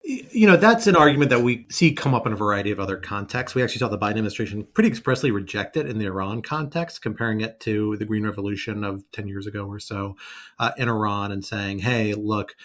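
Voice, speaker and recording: A man speaking as a panelist in an unscripted political discussion, analytical and measured in his wording. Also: lowish voice, a bit bright.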